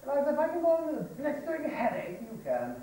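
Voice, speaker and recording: A stage actor playing an impatient, pompous phonetics professor, lecturing briskly and exasperatedly. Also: high voice, huge pitch swings, dark tone. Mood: rousing. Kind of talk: amateur stage musical acting. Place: theater stage. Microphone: audience recording from far off. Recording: echoey theater hall, distant mic.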